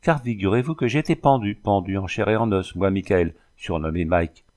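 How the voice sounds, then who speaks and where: A man's voice: low-pitched, moderate pace, a little mellow, lightly acted. A man voicing a boastful old Irish sailor in a storybook, swaggering and swearing as he tells his tale. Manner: swaggering, swears by thunder and the devil.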